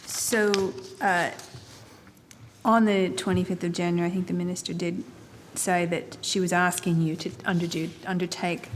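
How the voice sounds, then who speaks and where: A woman with a lowish voice presses officials with measured, persistent questions at a committee hearing. Her voice carries a long reverb from a large hearing room, with faint ambient noise behind it. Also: little pitch movement.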